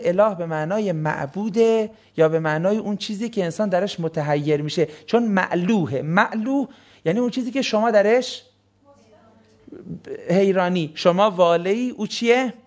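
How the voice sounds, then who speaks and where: A man teaching a class on the meaning of sacred words, who keeps asking the students questions and then answering them himself. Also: sits high. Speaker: religious studies teacher. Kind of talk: classroom lecture on Quranic words.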